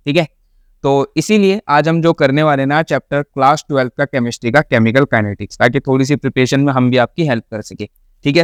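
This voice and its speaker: A man's voice: mid-range voice, clear, resonant tone, no echo, studio quality. A man teaching a chemistry lesson for exam prep, explaining patiently and mixing English terms into his talk. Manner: explains patiently, mixes English terms into Hindi, calls students "beta".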